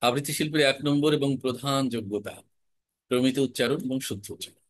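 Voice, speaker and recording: A man teaching an online class on spoken-word art, explaining in a measured, emphatic way with deliberate pauses. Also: medium pitch, dry recording. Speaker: recitation and voice teacher.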